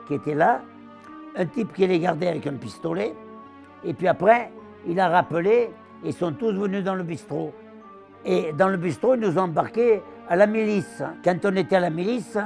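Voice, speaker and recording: This interviewee, a southern French war veteran in his nineties, tells wartime stories in a gravelly, high-sitting voice with his region's accent. He is animated throughout and performs the voices he quotes.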